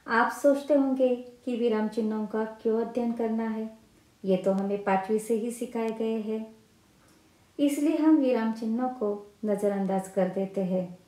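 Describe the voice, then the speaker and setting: A woman's voice: on the high side, mellow, reverberant, poor audio. A woman teaching a grammar lesson to school students, explaining examples step by step and stressing the key phrases.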